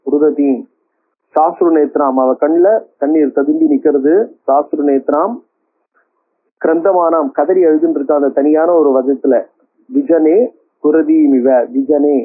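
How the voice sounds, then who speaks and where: An older man, a Sanskrit scholar, giving a verse-by-verse scripture commentary. He chants each verse slowly, then explains it in relaxed conversational speech with some English words mixed in. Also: fairly high pitch, slightly rough. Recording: tinny phone-like audio.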